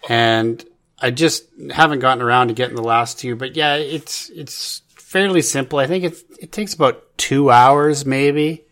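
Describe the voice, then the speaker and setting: A man's voice: medium pitch, a little slow, fairly bright tone. A man co-hosting a casual gaming podcast, easygoing, often repeating words as he thinks. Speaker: podcast co-host.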